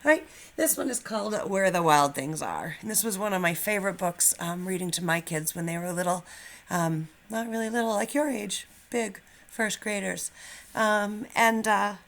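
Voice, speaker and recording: A middle-aged teacher chats with young pupils and reads them a children's storybook with expression. Her medium-pitched voice is a bit bright and moves at normal speed, and her manner is informal and encouraging with a slight nervousness.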